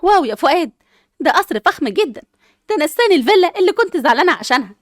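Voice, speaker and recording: A woman's voice: very high voice, sing-song, rapid-fire, no echo, studio quality. Woman as a bubbly Egyptian mom. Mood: cheerful. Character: cheerful doting mother, excitable.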